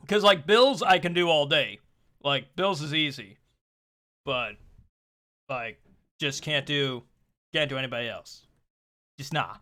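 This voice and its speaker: A man's voice: on the high side, unhurried, pauses often, pushed and bright. A man hosting a casual gameplay video, chatting in a rambling, self-deprecating way. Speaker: let's-play host.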